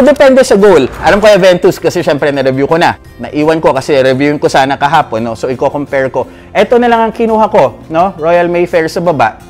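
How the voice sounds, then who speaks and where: A man's voice: high voice, darkish tone. A middle-aged man, reviewing perfume in a casual, profane rant that switches between Tagalog and English and keeps tagging lines with "no?". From Philippines. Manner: tags lines with "no?".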